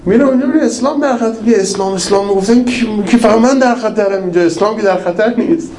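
A man's voice: high voice, darkish tone, a little hiss or hum. A male preacher giving a conversational, humorous sermon with acted asides. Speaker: cleric preacher. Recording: echoey room with faint ambience.

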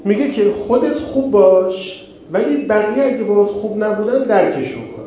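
Male preacher, mellow voice, talks with the congregation, very echoey hall with a faint hum behind. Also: sits high, lively intonation. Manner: conversational, rising emphasis on key phrases. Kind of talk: sermon.

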